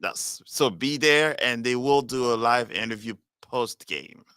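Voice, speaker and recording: Brief: male host, bright forceful tone, relaxed chat, dry close sound. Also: mid-range voice, a little slow, smooth, no echo. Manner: relaxed, reads out chat comments. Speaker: podcast host. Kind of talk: casual chat.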